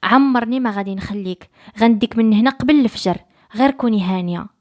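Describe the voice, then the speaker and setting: A woman with a Moroccan accent voicing a protective young man who softly reassures his sister. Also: a little high, fast talker, lightly acted. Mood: reassuring. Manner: soft, reassuring.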